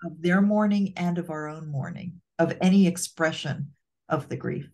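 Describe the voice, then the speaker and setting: A woman's voice: deep voice, normal speed, a little mellow. A woman co-hosting a casual heart-to-heart conversation, speaking earnestly and reflectively. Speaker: co-host.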